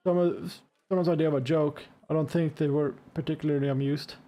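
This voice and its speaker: Mellow-voiced man doing casual gameplay commentary. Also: on the high side, fairly even intonation, fairly quick. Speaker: game player and commentator. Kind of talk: casual gameplay commentary with read-aloud narration.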